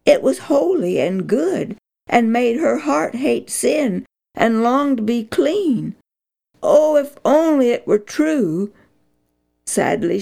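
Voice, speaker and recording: Slow gravelly woman storyteller. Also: mid-range voice. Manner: slow, expressive reading. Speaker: children's Bible storyteller. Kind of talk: scripted story narration.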